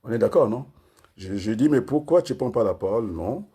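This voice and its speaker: A man's voice: on the low side, lively intonation, brisk, mellow, slightly rough. A man from Congo giving a rambling political talk, often asking listeners whether they agree and spelling words out syllable by syllable. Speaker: political speaker.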